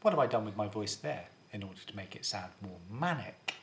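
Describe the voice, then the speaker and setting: A male drama teacher giving a video lesson, explaining things clearly and guiding students step by step. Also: lowish voice, lively intonation, fairly quick, slight background noise.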